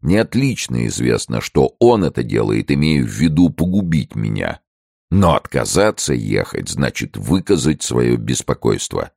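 A man reading as a proud, disgraced male minister in an audiobook, with solemn, measured speech. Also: extremely low pitch, very animated, creaky, a little mellow, no room sound, studio quality, heavily acted. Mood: grave.

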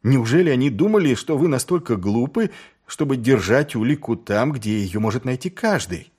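A man voicing an eager, earnest young male watchman in an audiobook, pitching his voice up. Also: moderate pace, a little mellow, close to an everyday voice.

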